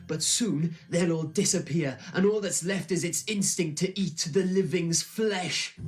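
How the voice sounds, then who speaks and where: A man playing a nerdy exposition guy in a low-budget zombie film, with stilted bad acting and a tone that doesn't match the words. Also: unhurried, soft background music. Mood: ominous.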